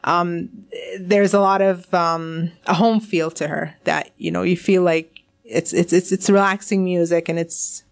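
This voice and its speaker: A woman's voice: fairly low pitch, steady tone, measured pace, gravelly. A young woman from Syria, a radio guest talking enthusiastically in a casual interview, with lots of fillers and restarts.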